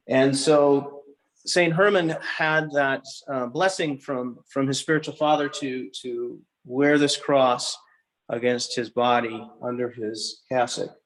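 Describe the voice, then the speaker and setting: A man speaks as a tour guide inside a cathedral, in a middle-pitched voice. His delivery is reverent and explanatory, unscripted and halting, with frequent pauses partway through his sentences. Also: rough recording. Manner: halting, pausing mid-sentence. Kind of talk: informal guided tour narration.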